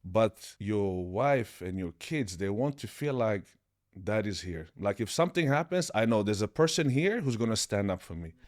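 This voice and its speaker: Low-voiced, animated man from Sweden. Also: moderate pace. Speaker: guest, martial arts coach. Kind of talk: podcast interview.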